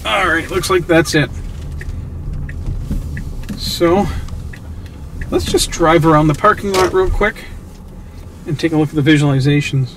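A man hosting his own channel, narrating casually while driving, excited and chatty with lots of fillers, recorded inside a moving car on a mounted camera. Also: fairly high pitch, a little slow, long pauses. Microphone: camera on a suction mount. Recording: noisy car interior. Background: car road noise.

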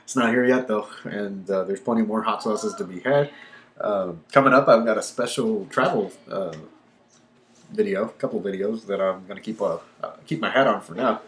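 A man's voice: fairly low pitch, moderate pace, slight background noise. A man, casually talking through a hot pepper tasting in a rambling, laid-back way, sighing and puffing from the burn. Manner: laid-back, rambling, lots of ums and likes. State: panting and sighing from chili burn. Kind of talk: casual unscripted vlog.

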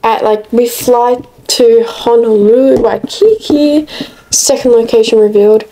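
A woman's voice: on the high side, fairly even intonation, measured pace, warm tone, rough recording. A young woman chattily explaining travel plans.

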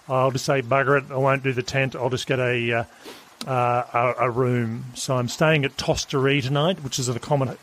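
A middle-aged man, the host of a hiking podcast, recording a relaxed, rambling audio diary outdoors on a trail, with lots of fillers and restarts. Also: medium pitch. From Australia.

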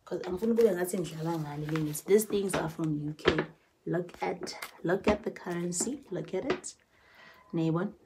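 A woman with a lowish voice talks at a moderate pace over background noise, chatting casually through a haul vlog in her bedroom. She repeats phrases and slips into Zulu words, filmed on a phone camera held at arm's length.

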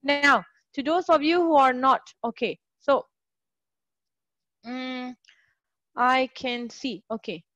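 A woman's voice: sits high, slow pace, pauses often, a bit bright, no echo. Upbeat woman tutor in a dry online class. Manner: upbeat, encouraging, praises students often. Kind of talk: live online class teaching.

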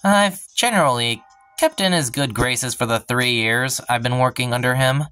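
A man hosting a let's play reads a visual novel's first-person narration aloud at a middle pitch. He stumbles over words and breaks off for wry comments of his own. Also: moderate pace, sharp tone, clean tone, no room sound, soft background music.

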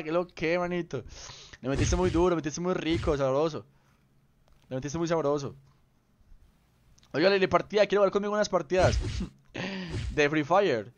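A young man streaming a game, his voice sitting a little high for a man. He talks in loose slang and teases the people he plays with. A faint hiss sits under his voice. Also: muffled recording. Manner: slangy, teasing, greets viewers by name. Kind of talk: casual live-stream chat.

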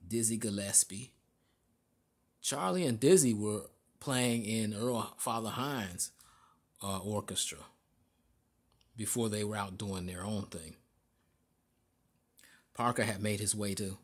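Husky-voiced man giving a casual tour. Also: on the low side. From Chicago area. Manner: halting, many fillers and restarts. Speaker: vlogger. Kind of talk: casual walking tour narration. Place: inside a large store, indoors.

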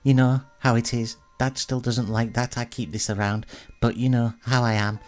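A man's voice: medium pitch, level tone, normal speed, soft background music, lightly acted. A man voicing a cheerful, persistent young girl who tinkers with machines, in a raised put-on voice, reading a game's dialogue aloud.

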